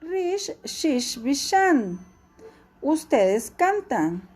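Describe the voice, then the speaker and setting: Woman teacher, high pitch, slow patient delivery, repeats forms for class. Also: big pitch swings, darkish tone. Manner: patient, repeats each form slowly for students. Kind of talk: classroom language lesson.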